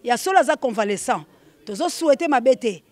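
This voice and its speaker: A man presenting on air, excitedly calling out dedications and thanks, with sudden shouted bursts. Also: very high voice, brisk, no echo. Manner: animated, calls out names with bursts of shouting. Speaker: presenter giving shout-outs.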